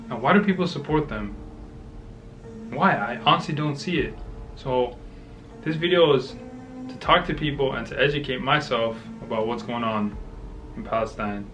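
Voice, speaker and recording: A man talks earnestly and directly, pushing back with question after question. His voice sits in a middle pitch. The webcam audio is dull and lo-fi. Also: a bit bright. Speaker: YouTuber chatting with strangers on video chat. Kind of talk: casual vlog intro and debate.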